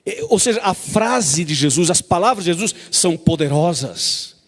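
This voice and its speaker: Guy preaching, pretty high voice, lots of echo, keeps asking the crowd "right?". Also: animated, normal speed. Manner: emphatic, repetitive, asks the congregation questions. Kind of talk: sermon.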